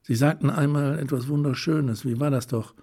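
Using a medium-pitched, slightly rough voice, a man plays a bashful, gentle young woman quick to tears. She comes across as hesitant and wistful, talking softly and frequently in a whisper.

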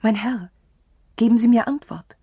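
A woman voicing an anxious, grieving young countess in whispered role-play, with a breathy, pleading whisper. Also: medium pitch, steady tone, measured pace, darkish tone, no echo, heavily acted.

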